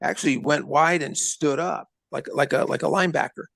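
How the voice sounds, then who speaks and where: A man's voice: a little high, a little fast, creaky, dry recording. A man co-hosting a casual sports podcast, talking bluntly and animatedly about his team's coaching. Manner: animated, blunt, swears freely. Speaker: co-host.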